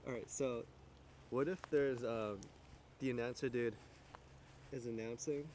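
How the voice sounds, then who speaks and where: A man's voice: medium pitch, fairly even intonation, a little slow, a little mellow, a little hiss or hum. Rambling man in casual chat. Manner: rambling, many "like"s and restarts. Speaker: video project collaborator.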